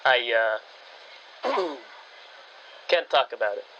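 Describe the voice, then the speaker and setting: Brash male New York heavy with a thick accent for a radio drama, played by a woman dropping her voice low. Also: very animated, very slow, lo-fi sound, noisy background, exaggerated voice. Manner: brash, gruff.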